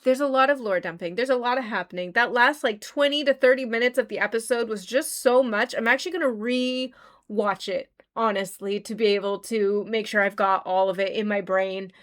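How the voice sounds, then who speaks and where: A woman's voice: on the high side, fairly quick, fairly bright tone. A woman hosting a reaction video, talking casually about an episode she just watched, emphatic and emotional, swearing and repeating herself.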